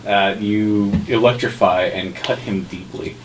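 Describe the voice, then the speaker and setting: A man's voice: lowish voice, steady tone, a little slow, slight background noise, poor audio. A man running a tabletop game as game master, narrating casually with a dryly joking manner. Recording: group room with chatter behind.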